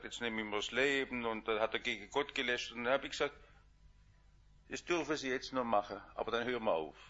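A man preaching a sermon, shifting between loud emphatic lines and hushed quiet ones. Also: medium pitch, highs cut off.

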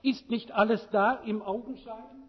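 Slow, husky male preacher in a hall. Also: sits high, fairly even intonation, highs cut off. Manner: rhetorical questions, measured delivery. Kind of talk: sermon.

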